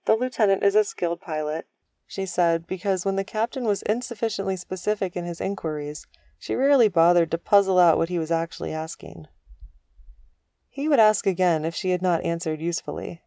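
A woman narrating an audiobook in a calm, even storytelling manner. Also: fairly low pitch, fairly quick, no room sound, studio quality.

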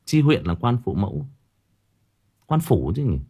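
An audiobook reader chats casually with listeners on a livestream, rambling along with frequent hesitations and repeated words. His medium-pitched voice is mellow and husky, very animated yet unhurried.

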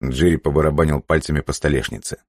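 A man narrating an audiobook in an even, measured storytelling manner. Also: a bass voice, no echo, studio quality. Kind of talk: scripted narration.

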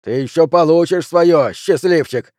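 A hot-tempered gambler who yells his accusations in a raised, strained voice, as a male audiobook reader puts him on. The sound is dry and close, with a dark, mellow tone underneath. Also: fairly high pitch, normal speed, dry recording, close to an everyday voice. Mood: furious. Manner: shouting, coarse and accusing. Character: hot-tempered loud male poker loser. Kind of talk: audiobook character reading.

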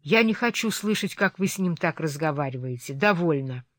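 A reader voicing a quiet, sullen young man who murmurs low and earnestly, in a storybook reading. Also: animated, normal speed, no echo, studio quality, natural voice. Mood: subdued.

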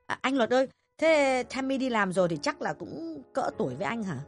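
A woman voicing a polite young adult daughter who speaks softly and hesitantly, smoothing things over in an audio drama. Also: on the high side, big pitch swings, fairly quick, faint music behind. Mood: tactful.

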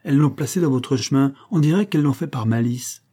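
Chatty officious foreman, read by a man, husky, mellow, storybook reading. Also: medium pitch, a little fast, voice pushed up, natural voice. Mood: scolding. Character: gruff male mill foreman, officious and talkative.

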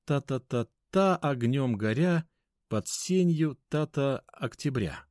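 A calm, commanding female editor speaks slowly in a lifted, lively voice, as a man reads her aloud. The delivery is dry and close, with a measured storybook authority. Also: on the high side, no echo, pitched above the performer's own voice. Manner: slow, measured, lightly mysterious. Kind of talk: audiobook character voice.

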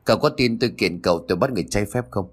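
Blustering principal dad, read by a man; middle-aged, low voice. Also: racing, slightly rough. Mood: outraged. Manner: blustering, anguished. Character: proud middle-aged male school principal, distraught father.

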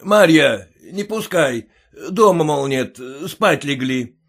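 A man voicing a fussy, loud middle-aged merchant who shouts and then fawns. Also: fairly high pitch, animated, a little slow, gravelly, husky, voice pushed up, heavily acted. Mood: blustering. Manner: shouting, blustering, fawning.

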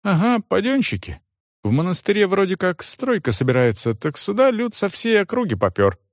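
In an audiobook, a man voices a simple, chatty peasant servant, pitching his exaggerated voice high, above his own natural register, with wildly swooping pitch at a moderate pace. The character gossips in a folksy, rambling singsong. The studio-quality recording has no room sound.

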